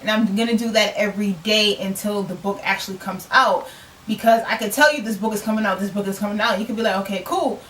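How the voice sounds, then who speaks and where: A woman's voice: medium pitch, quick pace, fairly bright tone, a little hiss or hum. Earnest young woman, slightly distant mic. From United States. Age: 20s. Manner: earnest, reflective, repeats phrases for emphasis. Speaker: self-published author. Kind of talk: casual vlog talk.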